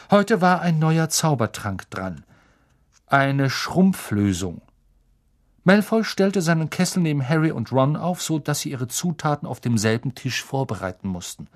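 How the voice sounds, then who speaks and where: A man narrating a children's novel as an audiobook in an expressive storytelling style. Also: mid-range voice. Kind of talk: scripted narration.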